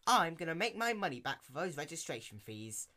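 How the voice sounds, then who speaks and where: Storybook pony princess, played by a man: young, female, indignant schemer, hammy and theatrical, raised pitch, big swoops. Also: very animated, a little fast, pushed and bright. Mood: sly, smug. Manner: hammy, theatrical stage delivery. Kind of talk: dramatic reading of fan fiction.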